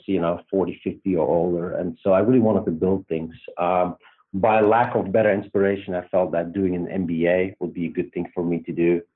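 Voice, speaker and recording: Over a tinny phone-style line, a Belgian man with a low voice and a breathy edge chats as a guest in a casual interview. He's a startup founder who hesitates often, restarting sentences and filling gaps.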